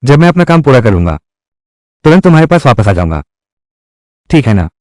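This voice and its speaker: A man's voice: medium pitch, sing-song, fairly quick, darkish tone, dry recording, studio quality, lightly acted. A man voicing a young male lord in hiding in a dubbed period drama, firm and giving orders. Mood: reassuring. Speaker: dub voice actor.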